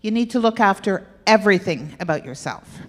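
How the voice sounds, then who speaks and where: A woman's voice: mid-range voice, animated, fairly quick. A woman giving an interactive health talk, playfully quizzing her audience with questions. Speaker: health workshop presenter. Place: church hall with stage and aisle. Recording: echoey hall.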